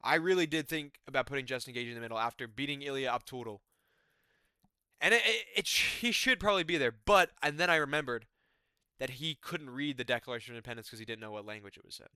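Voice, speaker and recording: A man's voice: medium pitch, fast talker, sharp tone, clean tone, no echo, studio quality. A man giving casual comedic commentary as an MMA YouTuber, rambling and self-deprecating.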